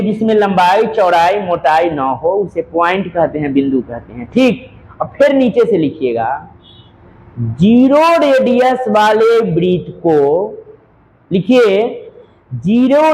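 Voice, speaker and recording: A man's voice: high voice, rough recording. A man teaching a math class in with a flavour, dictating notes phrase by phrase, repeating each line and answering his own questions. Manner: repeats each phrase slowly for students to copy; asks questions and answers them himself.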